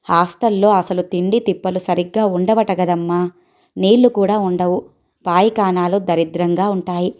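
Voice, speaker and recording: A woman's voice: fairly low pitch, fairly even intonation, normal speed, a little mellow, close to an everyday voice. Woman voicing a fierce poor village mother. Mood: pleading. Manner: rough village speech, threatening then pleading.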